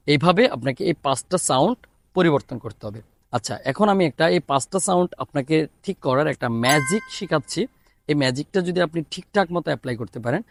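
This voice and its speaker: A man's voice: a little high, slight background noise. A man from Bangladesh with a Bangladeshi Bengali accent, teaching a spoken English pronunciation lesson and drilling words one by one. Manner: drills words slowly, repeating each one.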